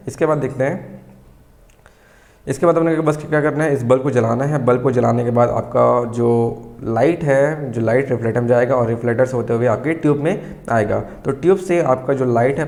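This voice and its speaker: A young man teaching a civil engineering lesson. He dictates English notes slowly, then explains them in repetitive chat, answering his own questions as he goes. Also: mid-range voice, a little mellow.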